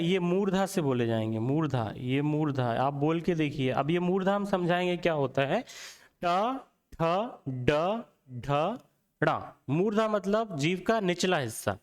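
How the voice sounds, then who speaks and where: A man's voice: sits high, smooth. A young man teaching a Hindi grammar lesson, sounding out letters one by one and asking the viewer questions. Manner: slow, repeats sounds aloud and quizzes the viewer.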